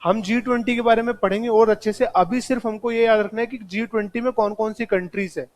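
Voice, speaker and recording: A man's voice: high voice, steady tone, fast. A man teaching a live classroom lecture, speaking straight to his students and mixing in English terms.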